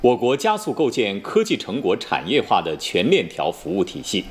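A man with a standard mainland Mandarin accent reading the news as a formal, measured anchor. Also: medium pitch, huge pitch swings, gravelly, slight background noise. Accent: standard mainland Chinese Mandarin.

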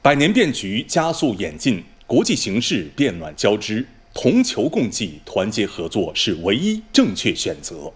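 A man with a lowish voice and huge pitch swings reads scripted news as a formal Chinese news anchor. His delivery is solemn and measured, in precisely enunciated standard mainland Mandarin.

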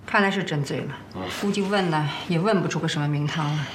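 A woman's voice: low voice, fast, close to an everyday voice. An actress playing an inquisitive woman in a screen drama, asking pointed, persistent questions. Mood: scheming. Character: probing, inquisitive woman questioning a tipsy man. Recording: echoey room, loud background noise.

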